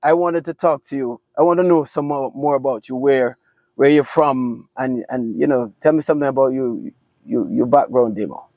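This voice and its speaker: A man's voice: medium pitch, normal speed, darkish tone, dry recording, rough recording. A man hosting a podcast, asking his guest questions in a casual, encouraging way that often trips over his words. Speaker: podcast host. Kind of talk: casual interview chat.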